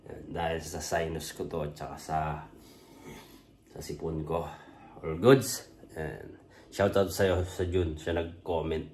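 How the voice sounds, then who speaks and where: A deep-voiced man from the Philippines talks loosely to his viewers over breakfast. His morning voice is thick and stuffy from a cold and sinus trouble, heavy enough to sound a little drunk. He rambles and keeps returning to the same catchphrase, with a faint hiss in the background. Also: flat delivery, slow, pauses often, darkish tone. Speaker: overseas worker vlogger. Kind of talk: casual morning chat to viewers.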